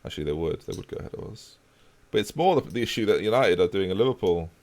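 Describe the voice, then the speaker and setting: A low-pitched man talks quickly as he chats casually with the people watching his stream. Relaxed and talkative, he keeps addressing chat during his football management game.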